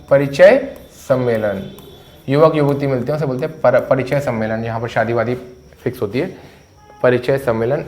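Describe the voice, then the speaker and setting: A talkative man teaches English words in a friendly, conversational way. His voice sits a little higher than most men's, and he slows down to repeat each word again and again for pronunciation. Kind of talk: explaining English vocabulary in Hindi.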